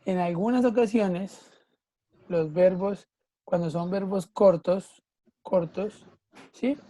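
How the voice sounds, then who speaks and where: A woman teacher talks through a lesson in an online class. Her voice sits low and mellow and sounds close and dry. She keeps checking that her students follow along. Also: takes it slowly, no echo. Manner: patient, checks understanding often with "¿sí?" and "¿listo?". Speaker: English teacher.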